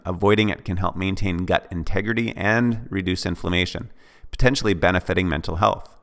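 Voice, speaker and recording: A man with a low, deep voice reads through a wellness course script. He moves steadily from item to item and now and then drops a quick offhand aside. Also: clean tone. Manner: steady list-reading with occasional offhand asides. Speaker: fitness program instructor. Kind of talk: reading a course script aloud.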